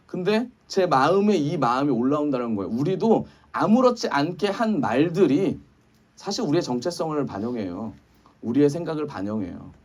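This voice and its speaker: A man's voice: a little high, big pitch swings, moderate pace, darkish tone, distant mic. A male pastor in his thirties giving a conversational sermon full of rhetorical questions. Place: church sanctuary.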